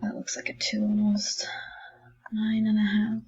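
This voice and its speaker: Woman math teacher, recorded online lesson: gravelly, husky voice, chatty and encouraging, dull lo-fi recording. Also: mid-range voice, completely flat delivery, a little slow, darkish tone. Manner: chatty, encouraging, thinks aloud while writing.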